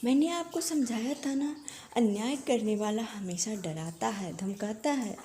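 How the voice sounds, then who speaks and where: A woman's voice: fairly high pitch, a little slow, slight background noise, close to an everyday voice. A woman voicing a grieving mother who speaks out fiercely against a crowd. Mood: tender. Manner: impassioned, shouting accusations.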